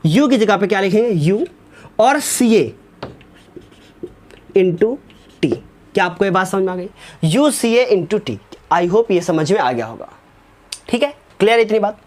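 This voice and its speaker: A male physics teacher works through numericals step by step. He keeps checking that his students follow and calls them by fond, fatherly names. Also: high-pitched. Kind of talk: whiteboard lesson solving numericals.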